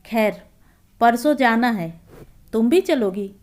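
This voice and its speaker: A woman voicing a weary retired old father who speaks quietly and sadly, in a storybook reading. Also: a little high, expressive, slow.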